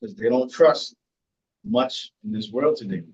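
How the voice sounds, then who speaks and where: Man, panel guest, earnest and deliberate, mid pitch, dull recording. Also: wildly swooping pitch, vocal fry. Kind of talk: reflective faith discussion. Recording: dull lo-fi sound.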